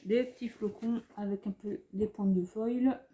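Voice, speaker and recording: Chatty French woman with a mellow voice. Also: mid-range voice, steady tone, unhurried. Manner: chatty and rambling, many fillers and restarts; softly gushing over cute items. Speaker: craft vlogger showing a haul. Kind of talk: casual haul commentary. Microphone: camera on a tripod.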